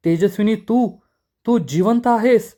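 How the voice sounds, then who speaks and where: A man's voice: high-pitched, a little slow, dark tone, pitched above the performer's own voice. Panicked ruthless woman boss, as a man puts her on. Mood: terrified. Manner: panicked pleading, repeated cries. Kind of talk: retelling a serial scene.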